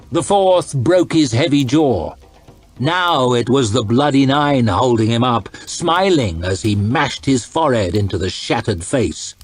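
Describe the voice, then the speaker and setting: A husky-voiced man reads a dark fantasy story in a calm ASMR storytime style. He takes it slowly and lets his pitch rise and fall a great deal for drama.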